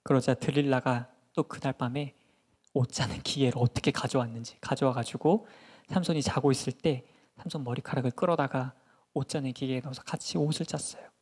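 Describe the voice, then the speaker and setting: A man, a children's pastor, telling a Bible story in a lively sermon and asking the children questions. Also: medium pitch, a little fast, slightly rough. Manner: animated, asks children questions.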